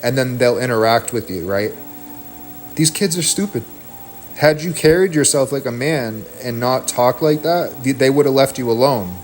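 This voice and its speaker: A man's voice: medium pitch, animated, normal speed, darkish tone, soft background music. A man streaming from home, delivering a heated, profane, rambling rant into a desk mic. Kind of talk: ranting stream talk.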